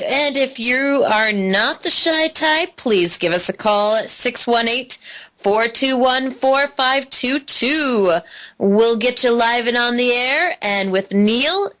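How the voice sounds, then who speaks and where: A woman's voice: on the high side, a bit bright. A woman co-hosting a talk radio show in a casual style.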